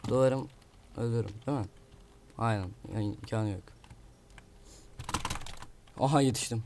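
A gaming video creator with a fairly low voice gives casual live commentary at a moderate pace while playing a video game. He mutters to himself and grumbles about an opponent over a noisy background filled with keyboard clicks and typing.

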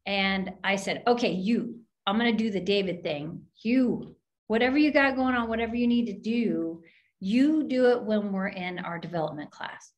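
Animated woman minister telling a story. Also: medium pitch, moderate pace. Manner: animated, acts out the voices in her story. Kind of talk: storytelling in an open forum.

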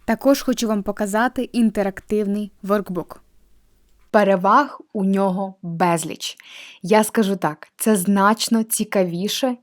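A young female teacher walks through an online course, explaining each exercise type in a friendly, patient way. Her pitch is middling, and she talks plainly and clearly. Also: darkish tone. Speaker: language teacher reviewing a course platform. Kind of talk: screen-share walkthrough of a textbook.

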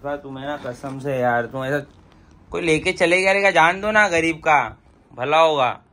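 A man's voice: fairly high pitch, moderate pace, sharp tone. A man teasing his wife about a missing carpet, telling the story playfully in a casual home vlog. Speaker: vlogger pranking his wife.

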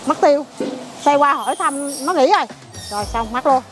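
A middle-aged woman with a Southern Vietnamese accent, who runs a market food stall, chats casually in an interview while running through her dishes in turn. Her high-pitched voice has lively intonation and a normal speed, over a faint hiss or hum.

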